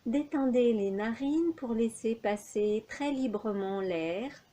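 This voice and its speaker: With a slightly high voice, a woman serves as instructor for a guided yoga nidra relaxation, giving calm and soothing instructions in a measured rhythm punctuated by long pauses.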